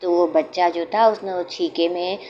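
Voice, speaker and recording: A woman narrating a village folk tale in a homely, unhurried way, pausing to explain old customs. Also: on the low side, steady tone, dark tone. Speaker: storyteller. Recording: dull lo-fi sound, faint noise.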